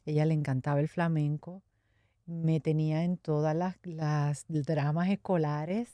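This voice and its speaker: A middle-aged Puerto Rican woman speaks with a low, mellow voice and a Puerto Rican accent. She recounts her past candidly and reflectively, with a light laugh now and then. The sound is dry and close. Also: steady tone, unhurried, no echo. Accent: Puerto Rican Spanish. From Puerto Rico. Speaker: interview guest. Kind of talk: personal testimony in conversation.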